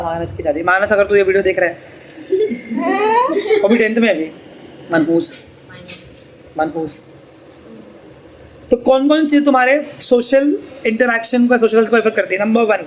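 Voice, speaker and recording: A man's voice: high voice, brisk, slight background noise, low-quality recording. A man teaching a tuition class, chatty and teasing as he explains. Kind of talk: classroom lecture.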